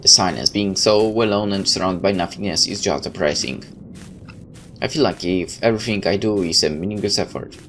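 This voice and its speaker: With a low-pitched, slightly bright voice and a brisk delivery, this let's player performs a visual novel as dramatic storytelling, adding asides of his own. Background noise is clearly audible.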